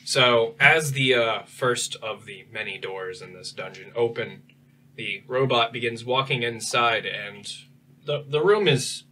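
Guy running a d&d stream, bright sharp voice, kinda rambly, mic far away w some hiss. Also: lowish voice. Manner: rambling narration with fillers and restarts. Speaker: game master. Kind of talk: narrating a tabletop game on a livestream.

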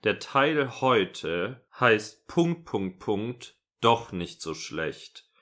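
A man's voice: on the low side, big pitch swings, drawn-out words, fairly bright tone, faint music behind. A man co-hosting a podcast, chatting casually and sarcastically while reading a story aloud and mocking it. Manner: sarcastic, critical. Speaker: podcast co-host.

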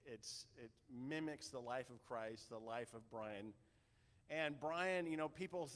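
A man preaching a conversational sermon as a pastor, rambling and halting with many restarts. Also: mid-range voice, a bit bright. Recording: long reverb of a large room.

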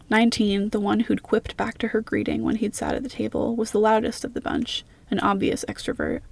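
A woman reading a fan fiction story aloud as narrator in a steady, even way. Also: on the high side, creaky.

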